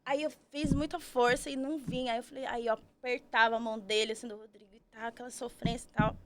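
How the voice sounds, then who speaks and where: A woman's voice: fairly high pitch, flat delivery, quick pace, a little hiss or hum. A woman, telling her story as a podcast guest, chatty and full of tag questions. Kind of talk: casual storytelling.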